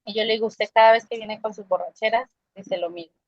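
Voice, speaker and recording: A woman's voice: medium pitch, steady tone, quick pace, dry recording, highs cut off. A young woman tells her personal faith testimony in a conversational way and acts out the quoted dialogue as she goes. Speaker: testimony guest.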